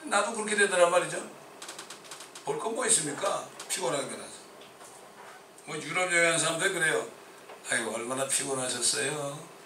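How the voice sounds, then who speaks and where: A man's voice: on the high side, fairly quick, pauses often, sharp tone, a little hiss or hum. A male pastor preaching a sermon with a Chungcheong accent, emphatic and full of rhetorical questions. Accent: Chungcheong Korean. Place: church sanctuary. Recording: echoey church from a distance.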